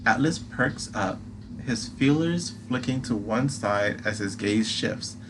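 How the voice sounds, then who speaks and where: A man's voice: on the low side, expressive, takes it slowly. A man reading a game's second-person story aloud as narrator, with dramatic delivery. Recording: clear background noise.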